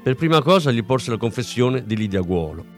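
Guy reading a crime audiobook, animated, soft music under. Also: mid-range voice, fairly quick. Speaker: audiobook reader. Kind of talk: scripted narration.

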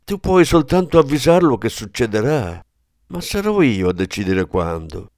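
A man voicing a grieving, menacing former policeman in an audiobook, with a hard, forceful delivery. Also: mid-range voice, big pitch swings, normal speed, dry recording, studio quality. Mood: threatening.

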